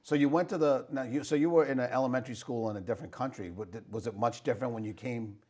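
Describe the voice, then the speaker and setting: Hosting a local community talk show, a man conducts a casual interview in a chatty, rambling way, full of fillers and restarts. His voice is medium in pitch, quick, and a little mellow.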